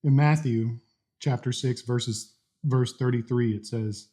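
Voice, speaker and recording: The host of a daily challenge vlog speaks to camera about faith and motivation in a husky, relaxed voice of ordinary middle pitch. He sounds earnest and deliberate, delivering his thoughts in short phrases separated by pauses.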